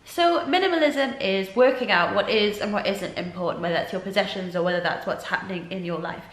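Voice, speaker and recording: A young woman with a blocked nose and a sore throat talks to camera in a casual vlog. Her voice sits mid-range and sounds nasal and tired, though she stays earnest and thoughtful. The room around her is roomy and echoey. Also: a little fast. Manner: earnest, reflective, low-energy. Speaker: vlogger.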